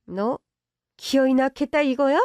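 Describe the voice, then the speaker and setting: A woman's voice: high-pitched, moderate pace, mellow, no room sound, voice pushed up, natural voice. A woman voicing a haughty, contemptuous middle-aged mother-in-law who scolds and belittles in a story drama. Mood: scolding. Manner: sneering, bossy, scolding in banmal. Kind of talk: audio drama story reading.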